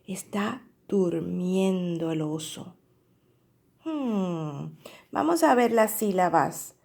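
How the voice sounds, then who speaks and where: A woman's voice: lowish voice, creaky. A woman teacher reading a picture book aloud to young children, stretching out words and counting their syllables. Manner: slow, drawn-out syllable drilling with animated read-aloud emphasis.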